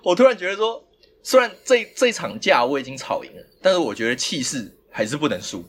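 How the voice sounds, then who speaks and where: Lively Taiwanese Mandarin man, laughing storyteller. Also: fairly high pitch, brisk, slight background noise. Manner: animated, laughs often while telling a story. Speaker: podcast host. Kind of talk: casual storytelling chat.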